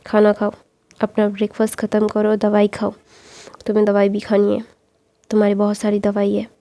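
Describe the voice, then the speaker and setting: A woman's voice: medium pitch, monotone, normal speed, dark tone, natural voice. A woman voicing a stern man who curtly orders the young one to eat and take his medicine. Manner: curt, bossy. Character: stern, cold older brother figure, man.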